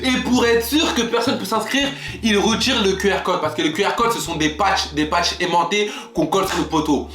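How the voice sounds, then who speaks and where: A young man talking casually to camera, animated and acting out his exchanges with customers. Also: high voice, fairly quick, hardly any pauses. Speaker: vlogger. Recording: roomy echo, faint music.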